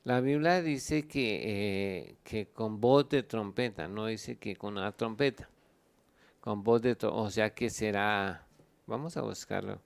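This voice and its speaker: A man's voice: on the low side, vocal fry. A man, a pastor, answering Bible questions and reading scripture aloud, stopping to look up verses. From Colombia. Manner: explains at length, reads scripture aloud, pauses to look up verses. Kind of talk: Bible teaching Q&A.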